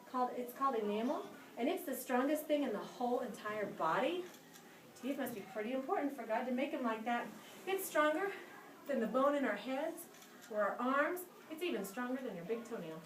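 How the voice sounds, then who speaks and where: A woman playing the tooth fairy and telling a dramatic story to a school class, with squeals and cheers. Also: high voice. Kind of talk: animated storytelling to children. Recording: roomy, distant with room noise.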